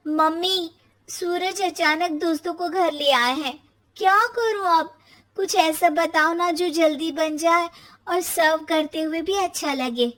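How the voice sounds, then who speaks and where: Woman playing a high-voiced, earnest young daughter-in-law. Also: slow pace, fairly bright tone, exaggerated voice. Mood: anxious pleading.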